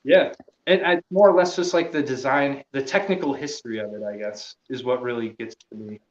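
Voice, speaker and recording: A man's voice: mid-range voice, fairly quick, lo-fi sound. Laid-back man in a roomy space. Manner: laid-back, trailing off, swears casually, laughs often. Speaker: podcast guest, gear maker. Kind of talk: casual chat.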